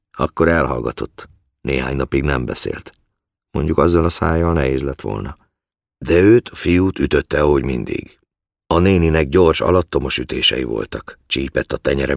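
A man narrating an audiobook in a measured, matter-of-fact way. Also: a bass voice, vocal fry, dry recording, clean studio sound.

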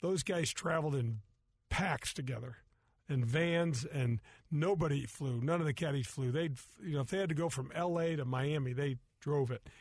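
A middle-aged man hosting a casual golf talk show, telling stories with animated quoted voices. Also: a little high, moderate pace, no echo. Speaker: golf show host, former tour pro. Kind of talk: casual radio show chat.

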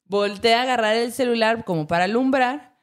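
A Mexican woman hosting a podcast, telling a supernatural story in a casual, slangy, lively way. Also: a little high, a little fast, clean tone. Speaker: podcast host.

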